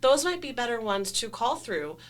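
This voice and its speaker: A woman's voice: on the high side, sing-song, moderate pace. A woman working as a staff trainer explains procedures conversationally in a corporate training video interview, with an enthusiastic, emphatic manner.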